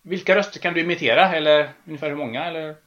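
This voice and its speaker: A man's voice: fairly high pitch, fairly bright tone. A man hosting a casual podcast, asking loose, hesitant questions. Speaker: podcast host. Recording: dull, lo-fi podcast audio.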